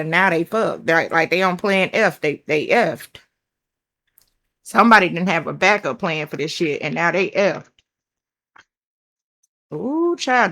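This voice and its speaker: A woman with a country accent and a somewhat low voice reads tarot cards to her viewers in a loose, chatty way. She is blunt, swears casually, and thinks out loud over each card, calling her listeners child and baby. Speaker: tarot reader.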